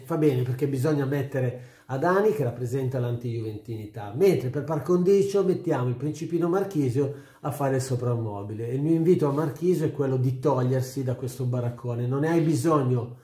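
A man's voice: mid-range voice, warm tone. A middle-aged man giving his opinion casually to camera, emphatic and repeating his phrases, recorded at home. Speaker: YouTube sports commentator. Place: small furnished room at home, indoors. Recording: roomy indoor echo.

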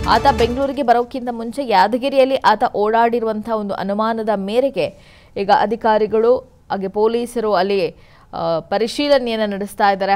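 Woman reading urgent TV news. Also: mid-range voice. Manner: steady urgent news cadence. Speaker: news anchor. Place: TV news studio. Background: news music bed.

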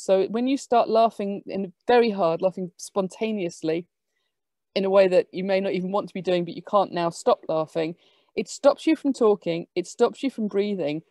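A woman giving an academic lecture, explaining lively with quick asides. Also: medium pitch, no room sound.

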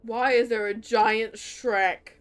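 Excitable woman streamer chatting mid-game. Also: fairly high pitch, clear, resonant tone. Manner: excitable, quick bursts, giggly. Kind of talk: casual chat while gaming.

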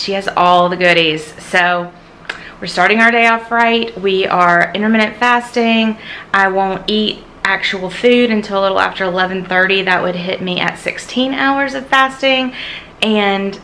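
A woman's voice: medium pitch, fairly bright tone. A middle-aged woman, chatting casually and folksily to camera as a vlogger. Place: car interior and home rooms. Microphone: camera at arm's length. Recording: noisy car and air-conditioning hum.

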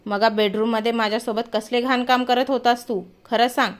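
A woman's voice: a little high, steady tone, fairly quick, lightly acted. A woman voicing a commanding middle-aged woman neighbour in a spoken story, with a scolding, ordering manner.

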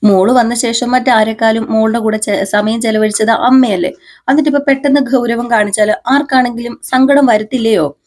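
A woman voicing a gentle, patient young wife who talks in a coaxing, pleading way. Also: a little high, fairly even intonation, normal speed. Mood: persuasive.

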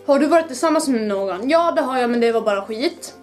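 A woman's voice: on the high side, lively intonation, soft background music. Giggly young Swedish woman vlogging. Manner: giggly, nervous, swears freely. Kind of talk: casual challenge vlog. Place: home, then outdoors by her car.

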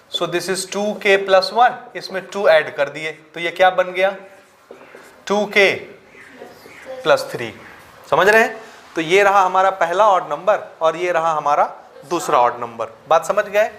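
High-voiced maths teacher, man. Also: a bit bright, slight background noise. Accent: Hindi-speaking Chhattisgarh. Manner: checks understanding with frequent rhetorical questions; mixes Hindi with English maths terms, dictating slowly. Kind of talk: classroom lecture.

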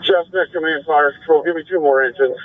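A man speaks over tinny emergency radio in a high-pitched voice. He is an incident commander at a fire, issuing urgent, clipped instructions to crews. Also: fairly even intonation, fairly quick, a little hiss or hum. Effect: two-way radio.

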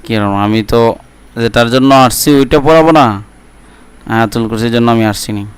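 A man teaching Quran reading, drilling letter sounds slowly syllable by syllable and breaking off into quick remarks to viewers. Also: medium pitch, clear, resonant tone. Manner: slow, drawn-out syllable drilling, then quick asides to viewers. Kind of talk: live online lesson, drilling letter sounds.

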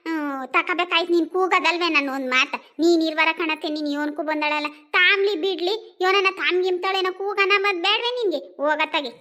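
A woman's voice: extremely high pitch, brisk, pushed and bright. A woman playing a village daughter-in-law in a comedy sketch, exclaiming and grumbling as she talks. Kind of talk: rural comedy sketch dialogue.

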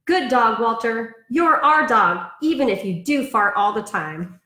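A woman's voice: a little high, expressive, unhurried, bright, forceful tone, slight background noise. A woman voicing an emphatic father of two in a children's storybook. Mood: proud. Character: stern father of two, softening into praise. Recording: roomy, echoing sound.

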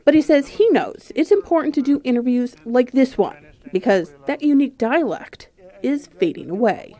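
A woman's voice: high voice, animated, normal speed, dark tone. A woman reporter reading scripted narration for a news feature.

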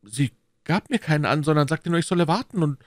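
A man's voice: on the high side, animated, quick pace, dry recording, clean studio sound, voice pushed up, natural voice. A man voicing a timid, nervous middle-aged shopkeeper who pleads and stammers, in a storybook reading. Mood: anxious.

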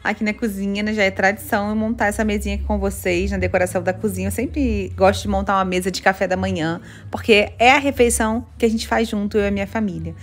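Brazilian woman vlogging her kitchen decor, gushy and excited, brazilian accent. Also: mid-range voice, quick pace, few pauses. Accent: Brazilian Portuguese. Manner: enthusiastic, gushing over decor items. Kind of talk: casual chat. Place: home kitchen, indoors.

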